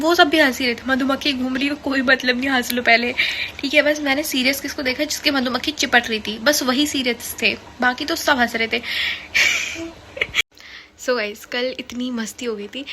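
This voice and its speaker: A woman's voice: high voice, sharp tone, slight background noise. A teenage girl from India, a student vlogger chatting casually and laughing often as she mixes English into Hindi, recorded in her bedroom. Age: teens. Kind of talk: casual storytelling vlog. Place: bedroom, on bed.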